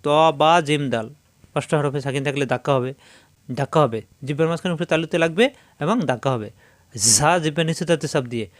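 A male teacher giving a step-by-step Quran reading lesson, slowly sounding out letters and syllables and repeating each one with explanations. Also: on the high side, no echo. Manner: slow, repetitive drilling of syllables with explanations.

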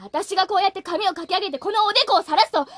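An actress voicing a bossy teenage girl in a school newspaper club, sharp and theatrical, quick to flare up, in an anime drama CD. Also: very high voice, slight background noise. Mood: indignant. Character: bossy teen girl newspaper club member, touchy about her forehead.

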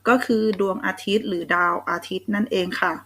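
In a low-quality, slightly rough recording, a young Thai woman teaches kids English phonics with a steady, medium-pitched, somewhat bright voice at a quick pace. The lesson is slow and patient, as she sounds out each letter one by one and praises the children.

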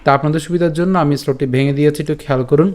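A man teaching scripture pronunciation, breaking words into syllables and chanting the verse slowly, often checking in with listeners. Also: on the high side, steady tone, darkish tone. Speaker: Gita recitation teacher. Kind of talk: slow step-by-step pronunciation lesson.

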